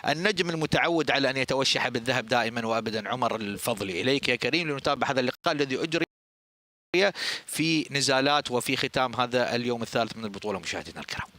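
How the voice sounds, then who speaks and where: A man's voice: mid-range voice, lively intonation, very fast, pushed and bright. A man presenting live sport from the studio in a formal, effusive manner.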